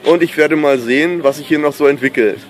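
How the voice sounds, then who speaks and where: A middle-aged man, a pop artist, vlogs outdoors at a sunny marina, chatting casually and enthusiastically to the camera. His voice is a little high and a little fast, picked up by a handheld camera mic with faint outdoor noise.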